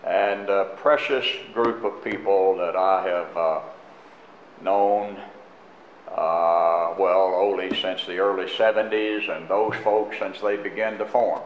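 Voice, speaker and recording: An older man speaking as a pastor in a church, halting and full of fillers and restarts. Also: sits low, steady tone, slight background noise. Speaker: pastor introducing a guest teacher. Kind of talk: unscripted church announcements and sermon. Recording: echoey, muffled live church stream.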